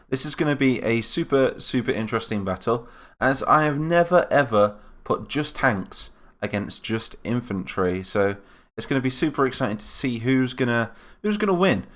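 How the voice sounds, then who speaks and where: A man with a cold and a nasal voice gives chatty, rambling commentary over a battle-simulation game, correcting himself as he goes. His voice is medium-pitched and fairly bright, in a casual gameplay commentary style.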